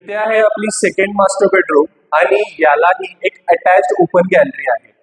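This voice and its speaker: A man's voice: sits high, moderate pace, husky, no echo, poor audio. A man guiding a property walkthrough room by room, as a real estate agent. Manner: guiding, pointing things out room by room.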